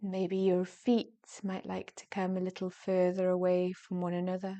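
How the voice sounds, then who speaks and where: In a low-leaning, monotone voice, a woman leads a guided yoga nidra relaxation. She is gentle and soothing, letting soft phrases go breathy at the ends and pausing at length between them.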